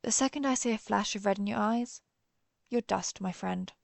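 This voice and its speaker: In a roleplay audio drama, a woman plays a vampire huntress centuries old who interrogates the listener. Her mid-pitched voice is strongly creaky and dry, with no room sound at all. She speaks deliberately, coolly and sardonically, dryly threatening, with menace beneath every word.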